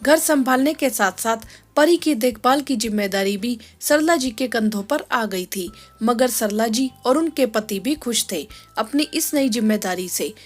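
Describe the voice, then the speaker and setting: Woman storyteller, scripted narration, somewhat high voice, faint music behind. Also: measured pace. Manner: steady, even read-aloud storytelling.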